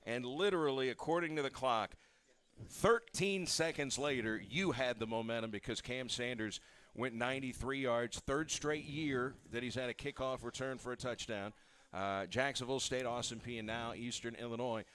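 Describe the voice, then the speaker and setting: Sports show host guy, mid pitch, eager play recaps. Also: normal speed, a bit bright, clean tone. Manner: eager, recaps plays with stats. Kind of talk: sports interview hosting.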